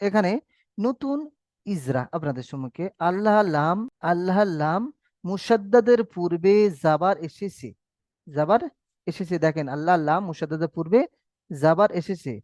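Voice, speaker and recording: A man's voice: high voice, animated, darkish tone, no room sound, clean studio sound. Patient man teaching Quran reading. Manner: patient, repetitive drilling, slow drawn-out recitation of examples. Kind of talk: recorded online lesson.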